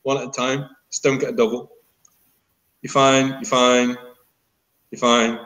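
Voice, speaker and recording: A man running a tabletop game as game master, talking casually in a halting, wry way. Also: mid-range voice, level tone, a bit bright, reverberant, rough recording.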